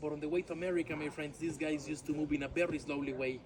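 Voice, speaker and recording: A man with a fairly high, flat-toned voice talks fast as a tour guide among outdoor ruins, a crowd of tourists audible behind him. A native Yucatec Maya speaker, he uses English with a Mexican Spanish accent, chatting and joking, laughing at his own jokes and often saying "my friends" and "all right?"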